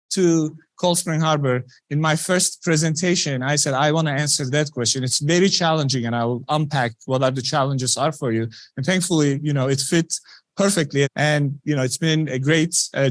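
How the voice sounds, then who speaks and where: Scientist, man in his thirties, earnest and conversational public lecture, fairly high voice, dry close sound. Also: dry recording. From Turkey. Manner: earnest, conversational, many "you know" fillers. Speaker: scientist presenting research.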